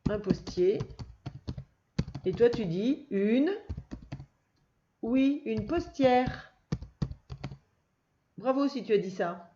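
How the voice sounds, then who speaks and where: A woman's voice: a little high, drawn-out words, pauses often. A woman teacher giving a recorded reading lesson to young children, speaking patiently and praising the listener often. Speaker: first-grade teacher. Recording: dull lo-fi, faint noise.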